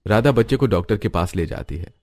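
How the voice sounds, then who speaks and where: A man giving scripted narration for a cartoon story in an even storytelling manner. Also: on the low side, brisk, faint music behind.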